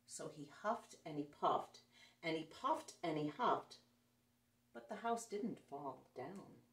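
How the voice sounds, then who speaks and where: A woman's voice: low-pitched, animated, takes it slowly. A woman reading a picture book aloud to children in a playful, sing-song way, recorded indoors. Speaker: children's story reader. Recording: echoey room, mic some distance away.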